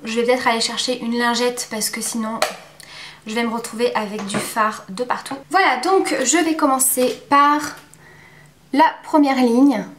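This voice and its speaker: Woman chatting through a makeup review, kinda high voice, echoey room. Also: fairly bright tone, slight background noise. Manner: chatty, many filler pauses. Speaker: beauty vlogger.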